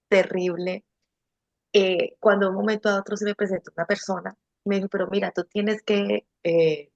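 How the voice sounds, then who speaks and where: A woman telling her exam story in an emotional, expressive testimonial interview over a video call. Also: medium pitch, vocal fry, no room sound, muffled recording. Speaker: student who passed licensing exam.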